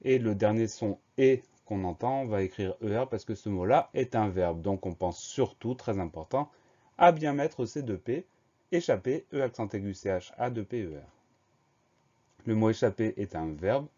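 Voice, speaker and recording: A man's voice: on the low side, animated, moderate pace, mellow. Patient man spelling words for dictation. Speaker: teacher. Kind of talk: slow dictation lesson. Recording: dull lo-fi recording.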